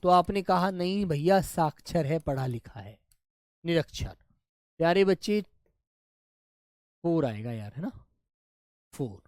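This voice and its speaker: Slow-spoken Hindi teacher drilling children. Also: male voice, fairly high pitch, expressive, dry recording, studio quality. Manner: repeats each word slowly, addressing children warmly as "pyare bachche". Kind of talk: live online class lesson.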